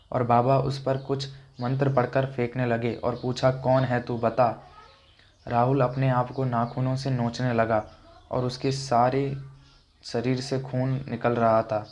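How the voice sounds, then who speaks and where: A man reading a first-person ghost story in an even, steady scripted narration. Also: mid-range voice, measured pace.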